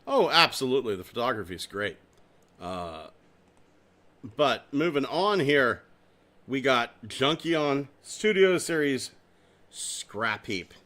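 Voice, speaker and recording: A man hosting a casual chat about toys, excitable and animated, swearing and joking as he talks. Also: mid-range voice, slow, pauses often. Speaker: podcast host.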